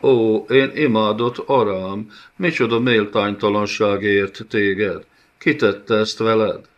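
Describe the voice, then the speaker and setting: A man whose voice is on the low side performs an audiobook character, a huge, cruel male beast-warlord with a sneering, mock-tender way of taunting. The mood is gloating and cruel, and the audio is dull.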